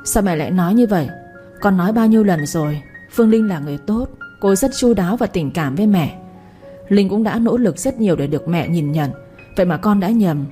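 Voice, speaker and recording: A woman voicing a devoted grown son who pleads gently with his mother, over faint music. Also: mid-range voice, expressive, a little fast, lightly acted. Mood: pleading. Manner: pleading, soft-spoken.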